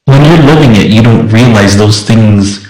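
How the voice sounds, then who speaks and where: A man's voice: on the low side, normal speed, darkish tone, reverberant, low-quality recording. A man co-hosting a casual podcast chat, curious and asking lots of questions. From Canada, of Filipino parents. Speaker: podcast co-host.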